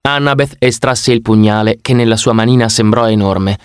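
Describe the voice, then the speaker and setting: A man reading an audiobook in the first person, expressive and vivid. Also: fairly low pitch, normal speed, clean tone, dry recording, studio quality. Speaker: audiobook narrator.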